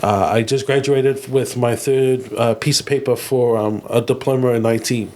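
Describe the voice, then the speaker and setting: A man's voice: mid-range voice, steady tone, normal speed, darkish tone, a little hiss or hum. A man, a podcast host sharing personal stories openly in a casual interview.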